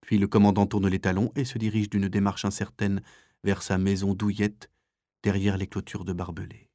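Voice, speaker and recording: Low-voiced man reading a memoir. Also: flat delivery, normal speed, dark tone, no room sound, studio quality. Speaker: narrator. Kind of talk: audiobook memoir narration.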